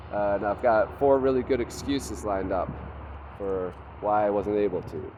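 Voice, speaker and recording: A man with a slightly congested, head-cold voice talks in a casual, halting, self-deprecating vlog monologue, matter-of-fact throughout. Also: on the low side. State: has a cold with nasal congestion. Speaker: vlogger, trail runner. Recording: loud wind and outdoor noise on mic.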